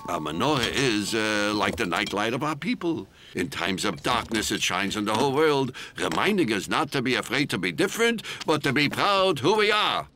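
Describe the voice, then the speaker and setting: An actor playing a proud, grumpy old man in a cartoon, gruff when arguing and gentle when telling a story. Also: a little high, very animated, moderate pace, a little hiss or hum. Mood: storytelling. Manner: gruff, blustery, then softly storytelling. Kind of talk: cartoon voice acting.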